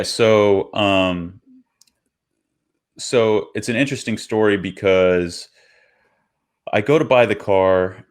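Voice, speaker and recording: Deep-voiced man on a video call. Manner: relaxed and rambling, with many fillers. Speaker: podcast co-host. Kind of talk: casual storytelling on a video call.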